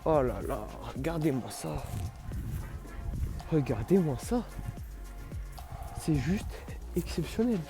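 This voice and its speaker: A vlog host with a fairly high voice and wide pitch swings talks slowly, leaving long pauses, as he explores in and around an abandoned building. His slangy, awestruck commentary is aimed at his viewers, and the sound is reverberant with music playing underneath.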